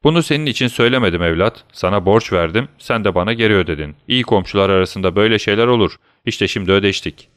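A man's voice: on the low side, lively intonation, fast, hardly any pauses, fairly bright tone, clean tone, dry recording, studio quality. A man reading aloud as a sly young tailor neighbor, smug and needling.

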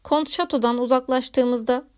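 High-pitched woman narrating a novel. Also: steady tone. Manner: measured, literary reading. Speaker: audiobook narrator. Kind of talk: scripted narration.

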